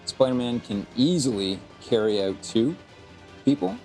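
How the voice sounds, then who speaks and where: A man narrating as game master, halting with many fillers. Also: mid-range voice, expressive, darkish tone, faint music behind.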